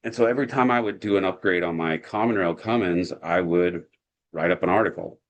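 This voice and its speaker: A man's voice: low-pitched, a little fast, a little hiss or hum. A man in his forties from Montana, telling stories in an interview in a blunt, frank way with some mild swearing. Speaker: guest. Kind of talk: casual interview storytelling.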